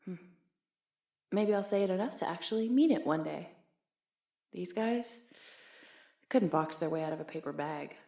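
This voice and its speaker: A young woman voicing a brash, teasing tomboy boxing coach in an audio role-play, blunt and quick to laugh. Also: lowish voice, animated, creaky, mellow, no room sound, clean studio sound.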